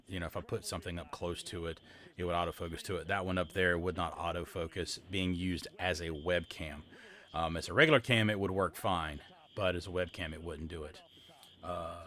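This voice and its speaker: A man chatting casually as a live streamer, in a rambling, halting way. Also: fairly low pitch, fairly bright tone. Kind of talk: casual livestream chat.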